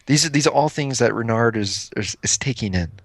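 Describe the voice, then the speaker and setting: A man speaks in halting, repetitive bursts, stacking ums and restarts as he chats on a podcast. The sound is dry with no room around it, and his voice sits mid-range. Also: mid-range voice, expressive, dry recording. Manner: hesitant, lots of fillers and repeats. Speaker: podcast co-host. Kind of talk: casual film discussion.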